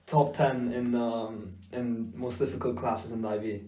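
A man's voice: medium pitch, flat delivery, a little slow, dark tone. A teenage boy co-hosting a casual podcast, talking in a laid-back way with short casual reactions. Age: teens. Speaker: podcast co-host. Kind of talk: casual chat. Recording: echoey room, distant mic, clear hiss.

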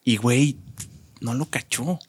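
Animated Mexican man telling a story. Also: mid-range voice, a little slow, breathy edge, dry recording. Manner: animated storyteller, acting out quotes with slang. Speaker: podcast co-host. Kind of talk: casual chat.

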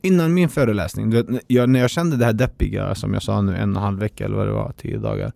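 A man's voice: on the low side, gravelly, mellow, no echo. A man co-hosting a podcast, telling his own experiences candidly and often quoting his own thoughts. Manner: candid, personal storytelling with quoted self-talk. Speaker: podcast co-host. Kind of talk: casual conversation.

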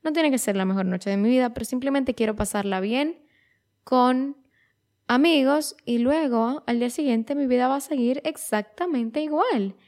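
A woman's voice: high-pitched, normal speed, a little mellow. A woman of twenty-three talking casually and reflectively as host of her own show, chatty, often restarting her phrases and dropping in English words. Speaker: podcast host.

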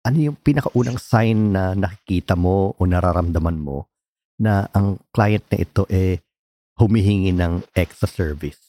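A man with a Filipino accent interviewing a guest, soft-spoken and switching between Tagalog and English, with many quiet backchannels. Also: low-pitched, normal speed, no room sound. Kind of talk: casual interview.

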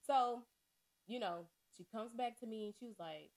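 A young woman co-hosting a podcast, telling a story in casual chat, profane and quick to laugh, acting out what her friends said. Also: fairly high pitch. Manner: animated, acts out quoted friends. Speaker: podcast co-host.

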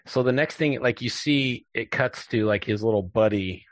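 A man hosting a casual chat, recapping a TV episode in a relaxed, joking way with lots of filler words. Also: mid-range voice, moderate pace, no room sound, poor audio. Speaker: podcast host.

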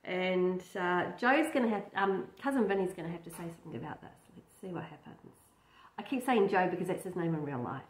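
A woman's voice: lowish voice, animated, fairly quick. An Australian woman, a lawyer, giving chatty reaction commentary and laughing often. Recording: echoey room, faint noise.

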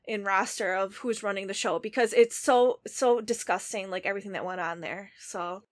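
A woman's voice: medium pitch, moderate pace. A woman co-hosting a casual gaming chat, ranting animatedly with lots of swearing.

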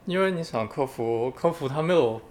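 A man co-hosting a podcast in casual chat, explaining calmly and patiently, often repeating words. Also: a little high, fairly quick. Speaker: podcast co-host.

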